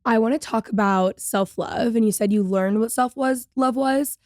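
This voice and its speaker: A woman's voice: a little high, normal speed, darkish tone, no echo, clean studio sound. A young woman hosting a podcast interview, enthusiastic and gushing, with many "like" fillers. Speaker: podcast host.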